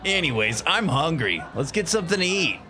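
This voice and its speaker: A man's voice: on the high side, very animated, a little fast, sharp tone. A man playing a tabletop game with casual in-character banter.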